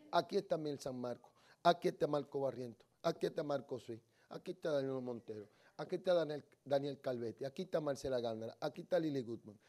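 A man preaching a lively sermon in a church, telling funny stories and moving between quiet asides and loud calls to the congregation. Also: fairly high pitch. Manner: storytelling, swings between soft asides and loud exhortation. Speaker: guest preacher. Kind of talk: lively Spanish-language sermon with humorous anecdotes. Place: church sanctuary.

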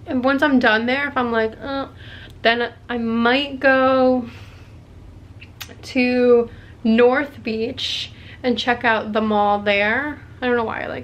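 This travel vlogger is a young woman chatting about her day to a handheld camera held at arm's length in a small hotel room. Her voice is a little high, she rambles with lots of fillers, and the lo-fi audio carries slight background noise.

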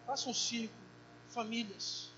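A high-pitched male pastor preaches fervently in a church, his words swelling into loud, heartfelt prayer. The recording sounds dull and muffled, with a clear electrical hum underneath. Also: fairly even intonation, moderate pace. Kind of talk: sermon.

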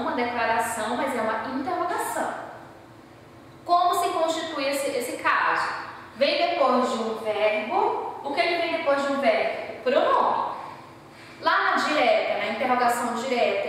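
A Brazilian woman teaches a recorded grammar lesson with a high, clear voice, walking through each example slowly and checking in with her students. She sounds set back from the mic in a strongly echoing room with a long tail of reverb. A faint hum of room noise sits underneath. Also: a bit bright, recorded from a distance. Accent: Brazilian Portuguese. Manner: explains step by step with frequent "né?" and "observe".

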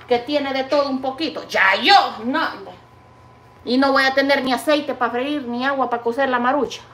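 A woman's voice: high-pitched, a bit bright, roomy sound, a little hiss or hum. A woman chatting casually while she cooks in her home kitchen, rambling fondly to the viewer. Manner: chatty, rambling, calls the viewer "niña" and "hija linda". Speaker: cooking vlogger. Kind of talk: casual chat while cooking.

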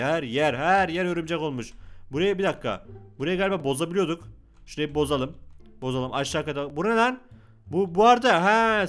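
A young man giving excited Let's Play commentary as a gaming YouTuber, exclaiming and talking to the game characters. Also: fairly high pitch.

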